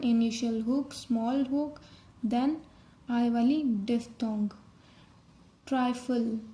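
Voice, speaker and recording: A woman teaches shorthand, calling out letters and strokes one by one. Her voice sits high but mellow, and her pace is unhurried and steady. She moves easily between Hindi and as she explains. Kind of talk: step-by-step tutorial explanation.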